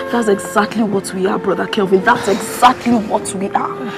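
A woman's voice: medium pitch, fairly even intonation, a little slow, close to an everyday voice. An actress playing a devout young churchwoman who speaks with reproach and emphasis. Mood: indignant. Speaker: actress in a gospel film. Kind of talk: film drama acting. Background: background film music.

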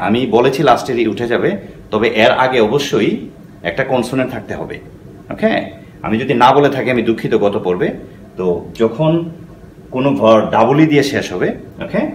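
A man's voice: medium pitch, reverberant, slight background noise. A man gives a patient English lesson, often checking in with "okay?" and mixing English phrases into his explanations. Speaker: English teacher.

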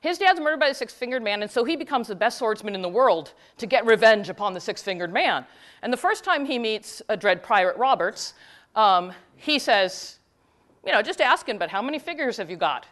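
Animated woman telling a story on stage. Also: a little high. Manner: animated storytelling with quick asides. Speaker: conference speaker; teacher. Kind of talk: conference talk.

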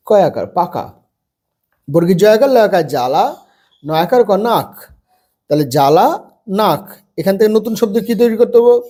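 A man teaching young children to read, spelling words letter by letter and then saying them slowly and drawn out. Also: high-pitched, dark tone.

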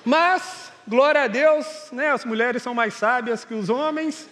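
A high-pitched male pastor, preaching in a loose, conversational way. He mocks himself and acts out both sides of his stories. His voice rings through a large church hall with a long reverb tail. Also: unhurried, fairly bright tone. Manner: conversational, self-mocking, acts out dialogue. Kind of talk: sermon with personal storytelling.

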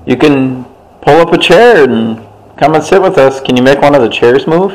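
A man's voice: fairly high pitch, expressive, moderate pace, rough recording. Man leading a casual ghost hunt. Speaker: paranormal investigator leading a group. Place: indoors in a dark theater.

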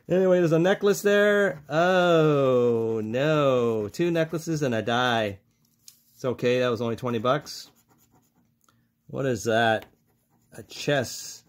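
Slow-talking man chatting over scratch tickets. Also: medium pitch. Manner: chatty, excitable, talks to viewers as ladies and gentlemen. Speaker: lottery ticket vlogger. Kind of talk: casual scratch-off commentary. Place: indoors at a table, over a cutting mat.

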